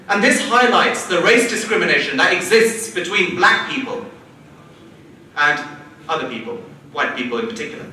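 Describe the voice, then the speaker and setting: A man's voice: high voice, sharp tone, a little hiss or hum. Young British man giving a speech. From United Kingdom. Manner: rhetorical, with measured repetitions. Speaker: conference panelist, local election candidate. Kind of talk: prepared conference speech. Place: large conference hall. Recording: distant, echoey hall.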